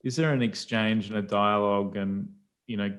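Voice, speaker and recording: A man's voice: on the low side, steady tone, moderate pace, a bit bright. A man hosting a casual interview, prompting with questions and brief agreements. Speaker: podcast host.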